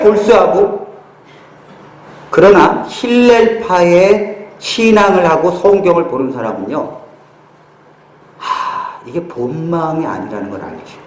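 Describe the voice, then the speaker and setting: A man's voice: high-pitched, reverberant, rough recording. A male pastor preaching a sermon, telling stories and acting out quoted lines with humorous asides. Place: church hall.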